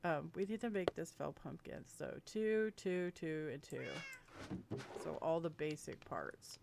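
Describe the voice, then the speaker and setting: With a gravelly, low voice, she speaks at a measured pace yet sounds animated, against a noisy background. The gaming creator gives casual commentary to viewers as she plays, congested and sniffling with a cold, letting out the odd giggle.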